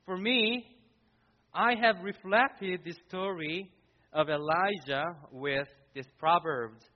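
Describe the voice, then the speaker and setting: A man's voice: on the high side, long reverb tail, highs cut off. A man preaching a sermon in a church, earnestly addressing his congregation. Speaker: pastor. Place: church sanctuary.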